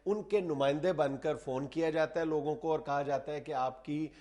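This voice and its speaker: A man's voice: on the high side, darkish tone. A man with a Pakistani Urdu accent, co-hosting a talk show and introducing the day's topic in casual chat. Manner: frames the topic, then backs the story with short agreeing replies.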